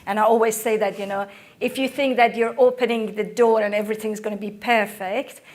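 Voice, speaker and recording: A woman's voice: mid-range voice, fairly even intonation, fairly quick, darkish tone. Emphatic woman panelist, losing her voice. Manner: emphatic, many fillers and restarts. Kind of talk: conference panel discussion.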